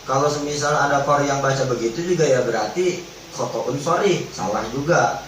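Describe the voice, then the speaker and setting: A man teaching Quran recitation rules in a religious study lesson, explaining in relaxed everyday speech and chanting drawn-out recited examples. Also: mid-range voice. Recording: echoey hall, distant mic, faint background noise.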